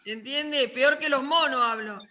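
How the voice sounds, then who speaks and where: Older woman, Argentine accent, bright piercing tone; colloquial, joking literature teacher on a video call. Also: high-pitched, a little slow, dull audio. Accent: Argentine Spanish. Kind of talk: casual online class talk.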